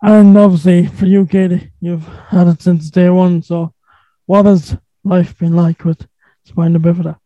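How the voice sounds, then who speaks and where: A man's voice: high-pitched, flat delivery, measured pace, dark tone, dry recording. A man with an Irish accent hosting a podcast and casually interviewing guests. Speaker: podcast host. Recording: phone-like, thin band-limited sound.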